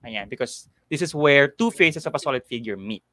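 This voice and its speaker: Male Filipino-accented tutor, bright and crisp-edged, explanatory and checking in often, recorded very dry. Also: mid-range voice, lively intonation, a little fast, dry recording. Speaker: math tutor co-hosting an online lesson. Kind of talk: conversational teaching, mixing two languages.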